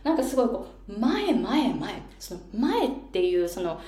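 A woman's voice: medium pitch, sing-song, normal speed, warm tone, echoey room. A woman pronunciation coach giving a casual spoken lesson and pointing to parts of her face as she explains.

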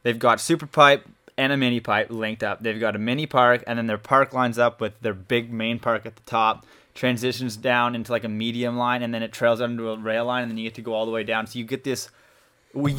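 A man's voice: medium pitch, pushed and bright. A young man co-hosting a casual podcast in a small studio, rambling eagerly through long explanations. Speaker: podcast co-host. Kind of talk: casual chat.

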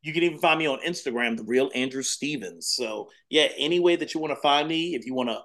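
A dance acrobatics coach in his thirties appears as a guest on a podcast for a casual interview chat. Speaking fast in a mid-range voice, he tells stories with animated energy and repeats phrases for emphasis.

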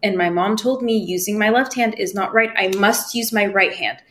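A woman in her 30s speaks at normal speed in a mid-range, slightly bright voice. She's a spiritual medium whose language was Farsi, guesting on a podcast where she casually relates personal stories, voices the people she quotes, and laughs easily.

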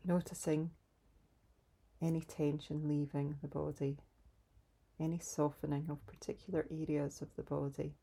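A woman leading a calm guided grounding exercise in a soft, soothing, unhurried way, pausing between instructions. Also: low voice, gravelly, breathy edge. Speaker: meditation guide.

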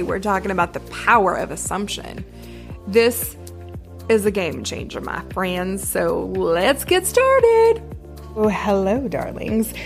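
A woman hosting a spiritual self-help podcast, talking to listeners in a chatty, emphatic way. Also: medium pitch. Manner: chatty, emphatic, addresses listeners with pet names. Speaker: podcast host. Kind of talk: spiritual self-help podcast talk with read-out book passages.

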